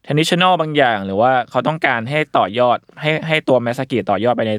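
A young man hosting a casual chat, telling a story in lively fashion and acting out quotes with crude slang. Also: mid-range voice, a little fast, no echo, clean studio sound. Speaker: podcast host explaining an artist's story.

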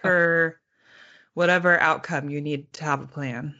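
A woman's voice: low voice, fairly even intonation, measured pace, pushed and bright, muffled recording. A woman co-hosting a podcast in casual chat, nervous and chatty, laughing a lot. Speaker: podcast co-host.

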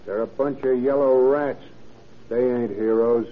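A man playing a remorseful convict father in a 1930s-style radio drama, rough-spoken, slangy and earnest. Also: medium pitch, fairly even intonation, unhurried, close to an everyday voice. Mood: earnest warning. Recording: muffled, noisy old radio recording.

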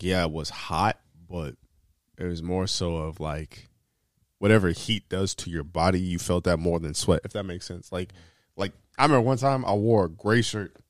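A man's voice: deep voice, dry recording, studio quality. A man hosting a casual chat, rambling along in slangy, profane language. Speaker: podcast host.

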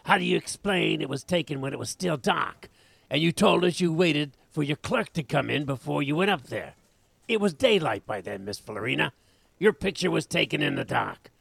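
A man playing a gravelly, pressing detective. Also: mid-range voice, animated, moderate pace, bright, forceful tone, dry recording, full character voice. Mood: interrogating. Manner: confrontational, interrogating. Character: dogged male police detective, pressing. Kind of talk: audio drama acting.

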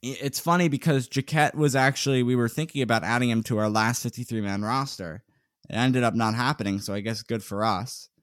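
A man's voice: mid-range voice, a little fast, dry recording, studio quality. A man co-hosting a casual sports podcast, recapping a game with frequent laughs and reading out player lists. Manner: chatty, laughs often, reads player lists. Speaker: podcast co-host.

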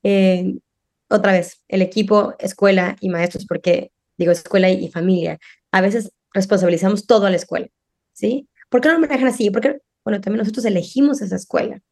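A middle-aged woman appears as a parenting guest on a podcast, her medium-pitched voice brisk and touched with vocal fry. She chats casually and animatedly, acting out the voices of the parents and children she quotes.

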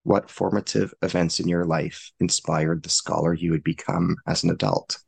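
A man's voice: sits low, flat delivery, moderate pace, gravelly, husky, dry recording. A man hosting a history podcast, introducing his guest in a formal, courteous manner. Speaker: podcast host.

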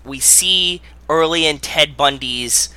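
A man co-hosting a casual movie podcast, telling loose, deadpan stories with the odd swear word. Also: on the high side, slow, clean tone, no room sound. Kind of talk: casual chat.

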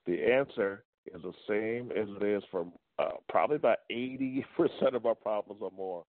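A deep-voiced man heard over the phone, his voice thin, tinny and dry. He speaks as a caller on a talk show, laying out his view deliberately and repeating key points to drive them home. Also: dry recording. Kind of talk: call-in opinion on a talk show.

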